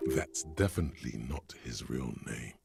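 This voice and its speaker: An actor voicing the brooding inner narrator of a detective game, deep and husky, in a grave, confiding manner. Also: male voice, lively intonation, moderate pace, a little mellow, dry recording, exaggerated voice. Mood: ominous.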